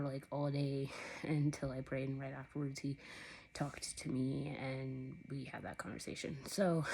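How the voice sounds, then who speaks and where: A woman's voice: low-pitched, vocal fry, breathy edge, low-quality recording. A young woman talking candidly to her camera in a sunny upstairs room at home, rambling and out of breath. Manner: rambling, candid, laughs between thoughts. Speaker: vlogger. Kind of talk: casual personal talk to camera.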